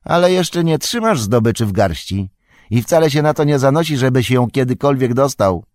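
In an audiobook, a man lightly acts the part of a shrewd young male hobbit, arguing urgently and defiantly in a voice pitched above his own. His mid-range delivery is animated, normal in speed, and a little mellow, with a dry, studio-quality recording.

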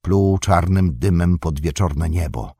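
Deep, husky male audiobook narrator. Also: slow pace, no echo, clean studio sound. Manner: steady, expressive storytelling. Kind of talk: scripted narration.

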